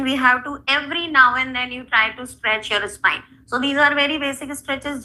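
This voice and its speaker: Bright-voiced North Indian woman teaching yoga. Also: high voice, poor audio. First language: Hindi. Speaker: yoga instructor. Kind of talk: instructional yoga class, guiding movements and breathing.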